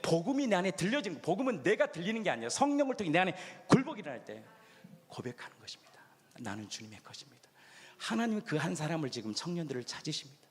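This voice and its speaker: A man preaching a sermon with a fairly high voice that rises and falls widely. His delivery jumps between loud proclamation and near-whispers. The voice rings out with a long hall reverb. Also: very animated, racing. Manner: preaching with dramatic swings between shouting and hushed speech. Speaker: pastor. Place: church hall at an outdoor youth rally.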